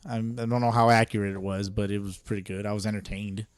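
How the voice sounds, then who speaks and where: A man co-hosting a podcast, chatting casually in an animated way, swearing and laughing often. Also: on the low side, fast talker, clean tone, no echo. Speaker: podcast co-host. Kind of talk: casual chat.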